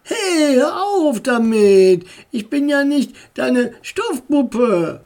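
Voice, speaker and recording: A slow audiobook reader voicing an excited, proud little boy with sudden loud outbursts. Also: mid-range voice, voice pushed up. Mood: indignant.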